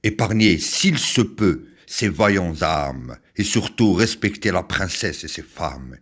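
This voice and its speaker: A man playing a proud, victorious warrior king in a classical verse tragedy, with grand, solemn tragic stage declamation and weighty pauses. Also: low voice, animated, husky, heavily acted. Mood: resolute command. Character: proud victorious king and war leader, grave and lofty.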